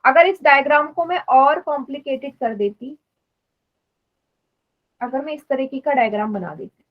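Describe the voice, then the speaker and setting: A woman's voice: high voice, moderate pace, dull audio. A woman teaching math in a live online class, patiently explaining and quizzing students. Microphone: online class stream.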